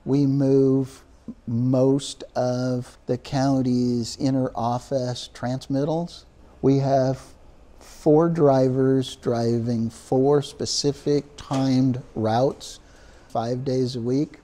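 A man giving a guided tour of a print shop, explaining each area slowly with pauses and fillers. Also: medium pitch, flat delivery, warm tone, rough recording. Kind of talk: guided facility tour narration.

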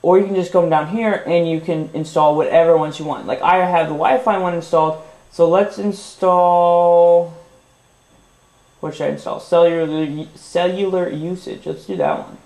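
In a noticeably echoey room, a young man presents a laid-back phone tutorial, his voice a touch stuffy from a runny nose. The tech host's pitch runs slightly high, and he keeps a moderate pace, upbeat and easygoing with plenty of filler words.

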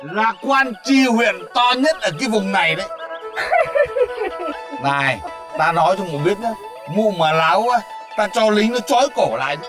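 A man's voice: sits high, animated, normal speed, over music. A man plays a blustering, hot-tempered retired village mandarin in a folk comedy. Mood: boastful. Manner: pompous, bossy, shouting threats.

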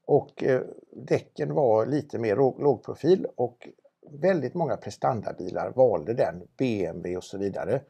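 A man's voice: medium pitch, animated, creaky, mellow, husky, highs cut off. A man presenting a car for auction in a casual, knowledgeable chat, with frequent restarts. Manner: knowledgeable, chatty, many restarts.

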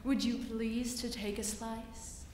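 Young woman doing a sly spider, low and slow, sweet-talking, echoey hall far from the mic. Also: little pitch movement, a little hiss or hum. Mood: coaxing. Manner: low, soft, coaxing and drawn-out. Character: sly flattering male spider, smooth and scheming. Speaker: student reciting a poem.

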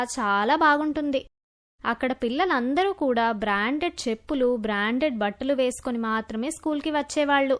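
Woman narrator, very high voice, expressive storybook reading. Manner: expressive, voices a young girl with a raised pitch.

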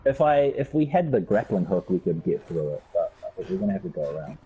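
A man's voice: on the low side, big pitch swings, fast talker, warm tone, muffled recording, a little hiss or hum. A man with a New Zealand accent chatting in laid-back, joking banter while playing a game. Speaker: gaming streamer. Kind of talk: casual gameplay chat.

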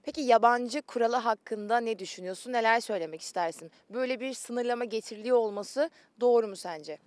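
A woman's voice: a little high, a little fast, dry recording. A woman asking questions as a sports interviewer, speaking outdoors into a handheld microphone. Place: outdoors on a training pitch.

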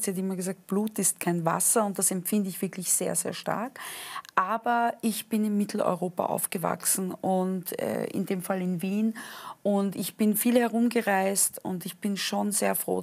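A woman, chatting lively and at length as a guest on a TV talk show. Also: mid-range voice, creaky. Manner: talkative, lively, frequent restarts. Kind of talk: casual talk show chat. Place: TV studio set.

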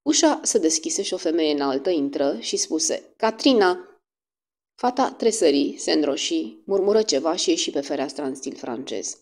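Low, dark-voiced woman narrating an audiobook. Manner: expressive, measured reading.

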